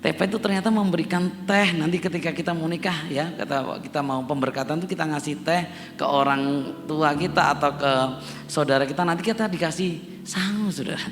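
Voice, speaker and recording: A man's voice: on the high side, fairly quick, a bit bright, a little hiss or hum. A middle-aged man from Java, preaching a sermon to a congregation, addressing them again and again and building to emphatic peaks. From Java, Indonesia. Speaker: pastor. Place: church hall. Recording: long church reverb, faint instrument behind.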